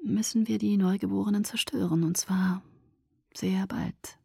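A woman voicing a grim young male vampire soldier in a hushed, breathy whisper, brooding and slow, in an audiobook reading. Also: mid-range voice, steady tone, no echo, studio quality. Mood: grave.

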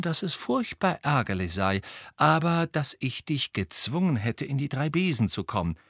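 A man reading an audiobook, voicing a teenage girl witch who explains things slowly and patiently like a know-it-all. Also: medium pitch, creaky, fairly bright tone, no room sound, clean studio sound, voice pushed up, full character voice.

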